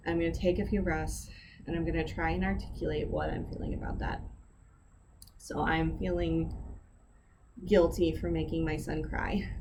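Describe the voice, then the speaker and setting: A woman wellness instructor leading a guided breathing lesson, candid and gently encouraging, with self-deprecating asides. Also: deep voice, background noise.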